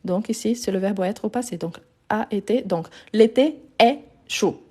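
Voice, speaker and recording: A woman's voice: mid-range voice, normal speed, a little mellow, husky. A woman teaching a live online French lesson, explaining grammar patiently step by step and often checking in with her viewers.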